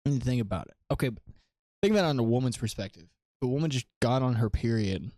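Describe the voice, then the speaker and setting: A man's voice: mid-range voice, lively intonation, fast, a little mellow, no echo. A young man co-hosting a podcast in casual chat, joking and laughing often as he teases his co-host with questions.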